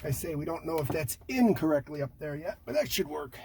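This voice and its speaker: Animated and a little fast, a middle-aged man speaks in a fairly high, darkish voice. He hosts a DIY car project, talking through a hands-on job inside a vehicle cabin with its doors open in a folksy, casual, think-aloud style, as clear background noise and handling clicks are heard.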